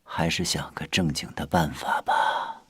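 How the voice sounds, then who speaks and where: An actor playing a lovesick king in a costume TV drama, wheedling and self-pitying, swinging from loud outbursts to hushed asides. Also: extremely low pitch, steady tone, a little slow, husky, dry recording, clean studio sound, full character voice. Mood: brooding. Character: lovesick grumbling male king, middle-aged.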